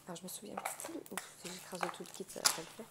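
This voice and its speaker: A woman speaks in a fairly low voice, gravelly with vocal fry. She chats casually as she unboxes something, thinking aloud. Clear crinkling and clicking noise sits behind her. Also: fairly even intonation, fast talker. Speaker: craft unboxing host. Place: indoors at a wooden table. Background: crinkling plastic, clicks.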